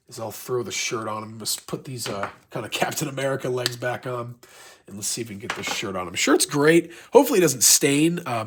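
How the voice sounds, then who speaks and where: A man's voice: medium pitch, a bit bright, husky. A man with a stuffy, blocked nose from being sick, giving a casual unboxing review in a rambling, gushing fan manner. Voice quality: congested, stuffy-nosed. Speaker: YouTube toy collector and reviewer.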